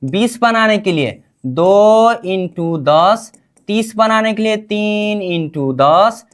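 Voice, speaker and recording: A woman's voice: medium pitch, lively intonation, extremely slow. A woman teaching a language class, drilling her students with repeated questions and call-and-response.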